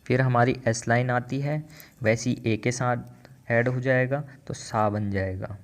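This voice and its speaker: A man's voice: medium pitch, fairly even intonation, takes it slowly. A man teaching a writing lesson, patiently counting out each stroke aloud as he explains. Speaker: language teacher.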